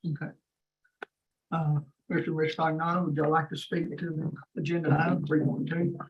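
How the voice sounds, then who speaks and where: A man presiding over a county meeting, brisk and procedural. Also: fairly high pitch, little pitch movement, slightly rough. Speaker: presiding official. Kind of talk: running a public meeting. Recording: dull, distant lo-fi audio.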